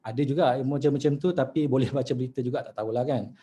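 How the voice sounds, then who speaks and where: Malaysian guy teaching news reading over a video call, mellow low-key voice, chatty, throws in english words. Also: rapid-fire. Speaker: trainer for news presenters. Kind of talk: online masterclass talk.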